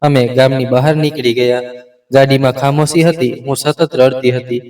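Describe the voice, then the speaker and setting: A man narrating a scripted story in a steady, earnest way. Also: mid-range voice, normal speed. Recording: roomy echo, distant mic.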